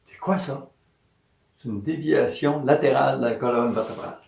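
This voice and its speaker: Here a man's gravelly, medium-pitched voice moves at a normal speed, carrying a Quebec French accent. He's a massage therapist giving an animated, informal health talk where he repeats points and asks and answers himself, captured by a far-off mic in a room with echo.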